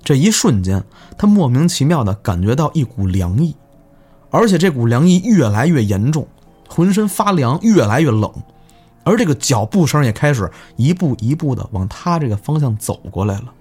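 A man telling village ghost stories in casual chat, animated and swearing in surprise. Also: medium pitch, normal speed, slightly rough, soft background music. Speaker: guest storyteller. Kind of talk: casual spooky storytelling.

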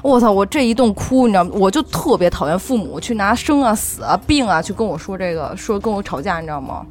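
A woman's voice: mid-range voice, quick pace, faint music behind. A young woman, chatting casually on a podcast and telling emotional stories about her mother, often asking "you know?". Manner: emotional, animated storytelling with frequent "you know?". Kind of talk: casual chat.

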